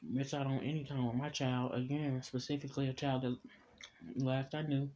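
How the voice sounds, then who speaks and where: A man talking casually in a personal vlog, relaxed and reflective, eating as he talks, recorded on a phone at home. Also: medium pitch, normal speed. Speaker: vlogger. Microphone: phone camera.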